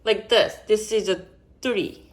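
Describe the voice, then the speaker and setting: A woman's voice: medium pitch, fairly even intonation, slow, background noise. A Korean woman with an accent, a vlog host at home explaining food and a board game to her partner in simple, playful English. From South Korea.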